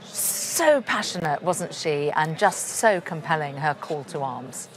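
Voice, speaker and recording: A man presents a live television news segment, interviewing a guest in a relaxed, conversational manner. He leans on tag questions and trips over repeated words now and then. A faint background hum runs underneath. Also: a little high, takes it slowly.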